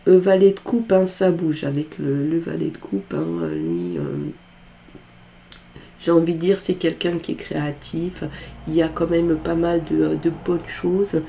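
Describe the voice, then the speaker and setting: A tarot card reader with a cold, her voice congested, reads cards casually and hesitantly, using lots of filler sounds. Her voice is deep and warm with vocal fry, and she speaks unhurriedly. There is slight background noise.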